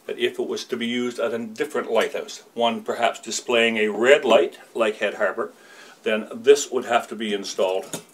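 A Canadian man in his fifties, a lighthouse keeper's son, calmly explaining and reminiscing in a small indoor room. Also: on the low side. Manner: measured, explanatory. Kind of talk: casual demonstration and reminiscence.

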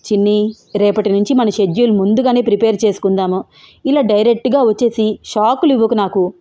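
A woman's voice: mid-range voice, fairly quick, mellow, no echo, studio quality, lightly acted. A woman voicing a shy, easily flustered young man in a Telugu audio story. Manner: scolding, embarrassed complaints. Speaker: male lead in an audio love story.

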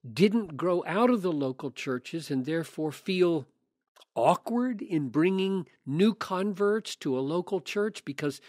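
Earnest older pastor, close dry sound. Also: male voice, on the high side, darkish tone, no echo. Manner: measured, earnest, restarts phrases. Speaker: pastor answering listener questions. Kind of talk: thoughtful podcast answer.

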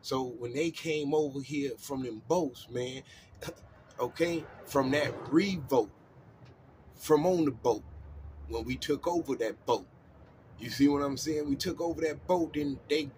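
A man hosting a discussion show, talking casually about scripture and history in a loose, repetitive way that turns loud and emphatic. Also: a little high, measured pace, a little hiss or hum. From United States. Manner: loose and repetitive, urging listeners in with refrains like "come on in, man"; grows loud and emphatic when telling history. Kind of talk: casual religious discussion monologue.

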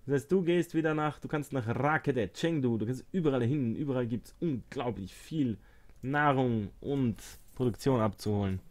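A man's voice: medium pitch, moderate pace, a little mellow. A young man casually commenting on his strategy game, sarcastic and chatty, talking to his units and muttering at distractions. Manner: chatty, sarcastic, talks to game units and phone, mixes English swears. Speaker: let's play host.

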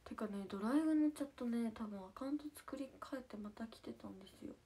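A young woman, chatting softly on a late-night livestream and thanking viewers by name. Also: a little high, fast talker, husky. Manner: soft half-whispered, thanking viewers by name. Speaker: idol livestreamer.

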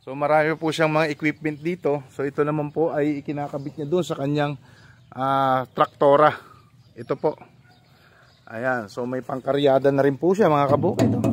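A man hosting a farming vlog, chatting casually as he walks viewers through farm equipment and often checks in with a quick question tag. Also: fairly high pitch. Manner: chatty, explains step by step, often tags "no?". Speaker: farming vlogger and host. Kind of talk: casual walk-through commentary.

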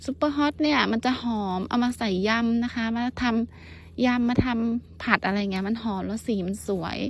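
A woman's voice: a little high, moderate pace, dull audio. Chatty woman gardening outdoors. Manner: chatty, bursts into excited exclamations. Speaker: vlogger. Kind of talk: casual chat while gardening. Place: outdoor vegetable field in rural Japan. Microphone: handheld phone camera.

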